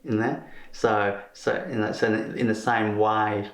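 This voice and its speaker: A man from Vietnam who answers interview questions haltingly, searching for his words. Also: fairly low pitch, little pitch movement. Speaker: crystal healer being interviewed. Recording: roomy echo.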